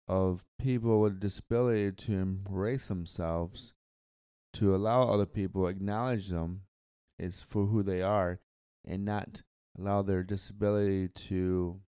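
A man hosting a solo podcast, talking casually in a halting way, repeating words and stuttering now and then. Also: lowish voice, warm tone, clean tone, no room sound, clean studio sound. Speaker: podcast host.

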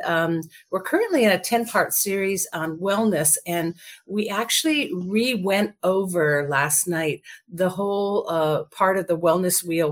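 A woman co-hosting a podcast in casual chat, chatty and upbeat, with her morning voice lower than usual. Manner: chatty and upbeat, lots of fillers. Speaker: podcast co-host.

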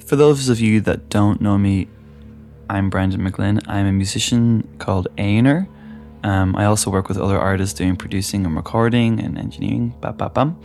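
A man with a fairly low voice introduces his podcast. He speaks as the host in a prepared opening, with spooky music playing underneath. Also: a little mellow. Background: spooky background music.

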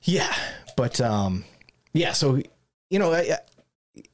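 A man's voice: medium pitch, very animated, takes it slowly. A man hosting a podcast, chatting casually with plenty of restarts and laughs. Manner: rambling, self-interrupting, laughs easily. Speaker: podcast host. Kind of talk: casual chat.

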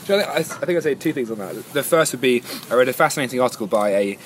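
A man's voice: mid-range voice, animated, rapid-fire, noisy background. A man giving thoughtful interview answers in a conversational way, feeling out his phrasing as he goes. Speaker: interviewee, event organiser.

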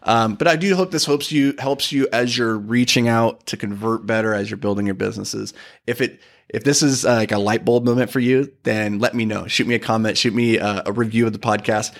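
Gravelly, rambling male podcast host. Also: on the low side, fairly even intonation, brisk. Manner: casual, rambling and ranty, with many fillers. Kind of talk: solo podcast monologue.

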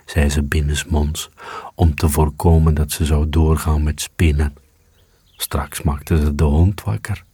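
Slow, deep-voiced male storyteller. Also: breathy edge, dry recording, clean studio sound. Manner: calm, unhurried reading. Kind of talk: scripted storybook narration.

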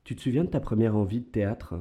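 A man hosting a podcast interview chats casually in a fairly low, dark-toned voice, talking fast but hesitating often and using many fillers.

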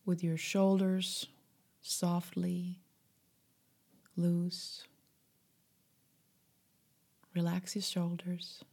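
Soft, slow, half-whispering woman guiding meditation. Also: on the low side, monotone, vocal fry. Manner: gentle, soothing, unhurried. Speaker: meditation guide.

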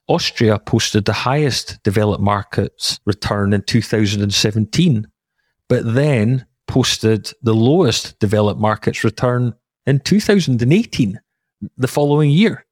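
A man hosting a podcast, reading scripted material in a measured, formal, explanatory way. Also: medium pitch, darkish tone, no echo, studio quality. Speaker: podcast host. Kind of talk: scripted narration.

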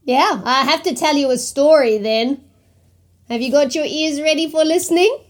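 A woman's voice: high voice, normal speed. A woman hosting interactive storytelling for young children, theatrical, with gasps and coaxing questions. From New Zealand.

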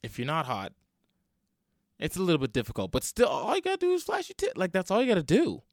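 A man's voice: high-pitched, big pitch swings, fast, vocal fry, no echo, studio quality. A man chatting casually as a solo comedy podcast host, rambling, self-deprecating and sweary, tired and hungover and talking with a swollen, split lip. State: swollen, bruised upper lip. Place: at home in a basement.

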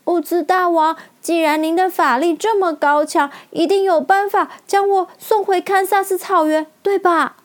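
A timid young girl stammers and pleads in a bright, quavering voice, as a woman storyteller puts her on. The voice sits far above ordinary speech. It is a children's storybook reading. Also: very high voice, steady tone, moderate pace, few pauses, pitched above the performer's own voice. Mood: hopeful. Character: frightened young girl, timid but hopeful.

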